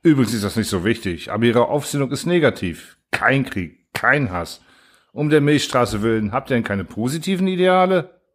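A towering alien envoy, brisk and condescending, firing off impatient questions in a middle-pitched male voice, as an audiobook reader puts him on. He talks hastily, pushing ahead before anyone can answer. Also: animated, lightly acted. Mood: brisk, dismissive. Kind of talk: audiobook character voice.

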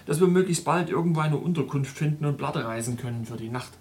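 A man voicing a calm, resolute male travel companion who gives firm, practical advice in a storytelling podcast. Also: a little high, fast, lightly acted.

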